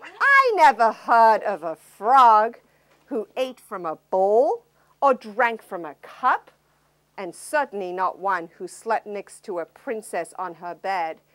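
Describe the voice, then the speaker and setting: A woman's voice: mid-range voice, big pitch swings, takes it slowly, a bit bright, no room sound. A woman voicing a spoiled young princess who talks in a whiny, impatient, snippy way. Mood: bratty.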